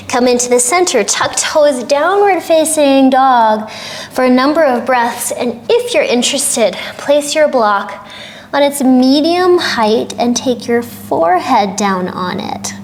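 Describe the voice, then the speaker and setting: A woman yoga teacher giving calm, gentle guided instruction for a short flow, with soft breathy asides. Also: fairly high pitch, a little hiss or hum.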